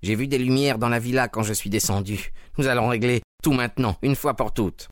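A man's voice: medium pitch, fairly quick, no room sound, studio quality, pitched above the performer's own voice, lightly acted. A man voicing an agitated, determined husband who speaks in tense, urgent murmurs.

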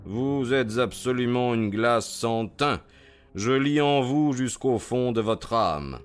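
A man playing a cool, ironic detective who needles his opponent calmly and methodically, in radio drama acting. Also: mid-range voice, slow, soft background music. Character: cool, ironic, self-assured male detective.

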